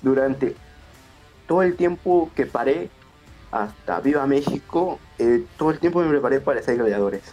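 A young man, a wrestler chatting in an interview, excitable and rambling. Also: mid-range voice, normal speed, soft background music. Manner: excitable, acts out quotes, rambling restarts. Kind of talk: casual interview.

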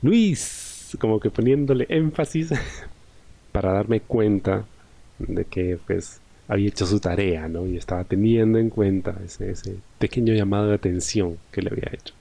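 A young man with a Peruvian Spanish accent talks through his podcast on his own. His voice sits low and mellow, with a gravelly fry, and his talk is thoughtful and chatty, full of little tag questions. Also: moderate pace. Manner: reflective, conversational, ends phrases with a questioning tag. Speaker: podcast host. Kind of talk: solo podcast monologue.

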